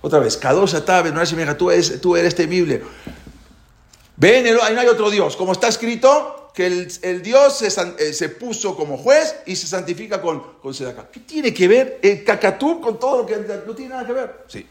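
A man's voice: sits high, big pitch swings, moderate pace, hardly any pauses. A man teaching a religious class who explains the prayers with many rhetorical questions. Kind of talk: Torah class. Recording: echoey room.

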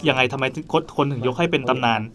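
A man's voice: medium pitch, fast talker, fairly bright tone. A man hosting a podcast, telling a story in a casual, chatty way with frequent repeated words. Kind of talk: casual group chat.

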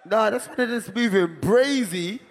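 High-pitched London roadman in echoey hall. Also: measured pace. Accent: London, urban street slang. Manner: London roadman slang, repetitive, interrupting. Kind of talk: rowdy comic banter on stage. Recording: echoey hall, long reverb.

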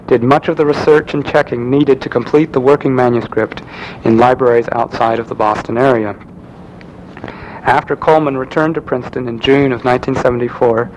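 A man reads a prepared lecture aloud at a measured pace, now and then restarting a phrase. His voice sits at an ordinary middle pitch, with a faint rumble in the background. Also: poor audio.

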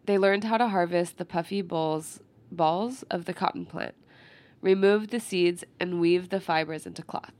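A woman with a stuffy nose reading an old textbook aloud in a quiet, unhurried way and pausing to comment on it. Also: on the low side. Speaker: reader.

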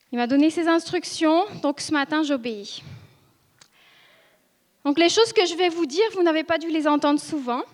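A high-voiced woman in her thirties from northern France gives a personal testimony to a church congregation. She sounds earnest and hesitant, pausing and restarting often, and a long reverb fills the hall. Seated and filmed for video, she speaks in a church ministry school meeting room.

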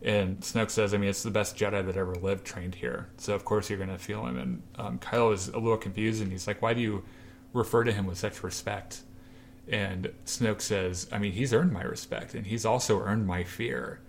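Man co-host, low voice, animated storyteller, faint room hum behind. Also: moderate pace, vocal fry. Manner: animated storyteller, acts out quoted lines. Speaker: podcast co-host. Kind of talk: casual chat retelling a comic.

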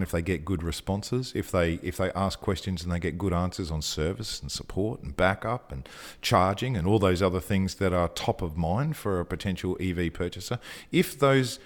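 A man co-hosting a casual podcast chat, talking with enthusiasm and getting a little breathless as he gushes. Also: deep voice. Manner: enthusiastic, gushing, breathless at times. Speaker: co-host.

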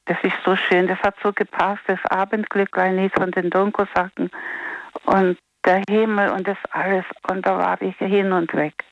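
A woman's voice: medium pitch, level tone, moderate pace, no echo. An older woman calling in to a radio show, chatting in a rambling, heartfelt way with many restarts. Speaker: radio caller. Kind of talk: phone-in chat. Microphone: telephone. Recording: lo-fi phone line.

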